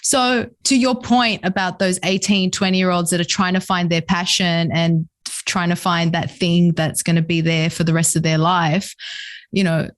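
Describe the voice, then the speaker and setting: Woman, 40s, interview guest; candid, reflective, low-set voice, light laughs. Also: level tone, normal speed. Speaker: guest entrepreneur. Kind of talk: casual interview conversation.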